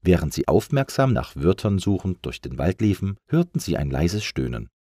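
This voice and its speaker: Brief: male storybook narrator, dry close sound, animated delivery. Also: low-pitched, moderate pace, no room sound. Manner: expressive storytelling. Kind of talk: children's story reading.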